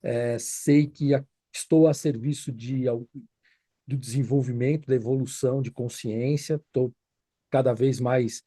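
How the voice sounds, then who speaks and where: A man's voice: medium pitch, fairly even intonation, a little slow, mellow, breathy edge, no echo. A man, a consultant answering interview questions thoughtfully, with many fillers and restarts. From Brazil. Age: 50s. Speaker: guest, consultant.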